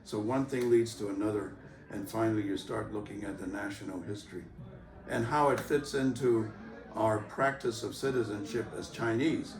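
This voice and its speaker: An older man from San Francisco speaking in an interview, measured and halting with many pauses and fillers. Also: fairly low pitch, fairly even intonation, faint music behind. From San Francisco, USA. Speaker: interviewee, longtime organization member. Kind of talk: recorded interview. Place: convention venue, crowd behind. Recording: roomy, from a distance.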